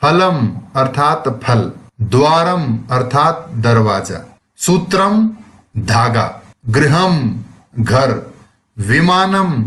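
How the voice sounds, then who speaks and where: A male teacher giving a recorded lesson, slowly explaining words one by one and translating each. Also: mid-range voice, fairly bright tone. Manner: slow, explains word by word with translations.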